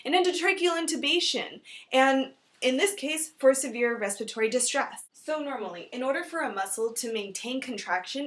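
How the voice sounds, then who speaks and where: A woman playing an earnest young nurse who explains a drug in a brisk, textbook-like way, as in an instructional skit. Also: on the high side, a bit bright, lightly acted. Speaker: nurse in a student case-study skit.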